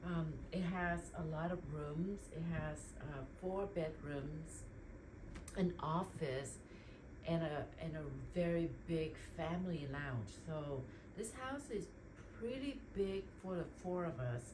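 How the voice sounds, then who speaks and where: A woman in her forties, from Vietnam, talks in a low, easygoing voice as she sorts clothes at home. Her chat rambles along with plenty of ums and likes. A steady hiss of background noise sits under the home recording. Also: slow. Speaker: lifestyle vlogger. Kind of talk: casual chit-chat while decluttering. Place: home closet.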